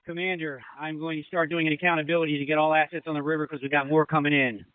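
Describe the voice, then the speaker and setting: A man acting as incident commander, giving brisk, directive orders over a marine radio channel. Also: on the high side, level tone, clear, resonant tone, no echo, phone-quality sound. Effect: marine radio transmission. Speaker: river branch incident commander. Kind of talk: emergency radio dispatch.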